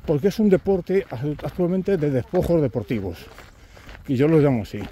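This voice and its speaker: A man's voice: fairly high pitch, sing-song, moderate pace, dark tone, a little hiss or hum. A man, telling chatty anecdotes on camera while walking a rural trail, chuckling and acting out his companions' lines. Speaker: pilgrim vlogger.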